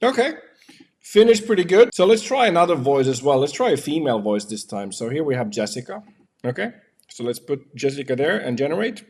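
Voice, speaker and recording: Chatty man reviewing voice software. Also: medium pitch, very animated, fairly quick, breathy edge. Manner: chatty, filler-heavy explaining. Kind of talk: casual tech review. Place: home office.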